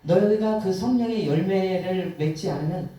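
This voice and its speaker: A woman's voice: on the low side, normal speed. A woman preacher giving an emotional testimony sermon, telling stories vividly with sighs and acted-out quotes. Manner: animated storytelling, acting out quotes, sighing. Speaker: guest preacher. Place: church sanctuary. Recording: echoey hall from far off.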